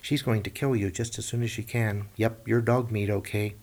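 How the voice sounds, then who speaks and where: A man's voice: fairly low pitch, fairly even intonation, moderate pace, darkish tone. A man voicing a blunt, gossipy little dwarf who talks in a brash, chatty way.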